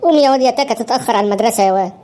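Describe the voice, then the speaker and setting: A woman's voice: fairly high pitch, racing, background noise, lightly acted. A woman voicing a doting but nagging mother in a cartoon, coaxing her son awake in an Egyptian Arabic accent. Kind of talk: cartoon voice acting.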